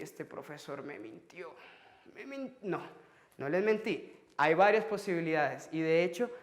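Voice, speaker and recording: Lively man teaching a lesson. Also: a little high. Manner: lively explanatory, addresses students directly, counts on fingers. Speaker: French teacher. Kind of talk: video lesson.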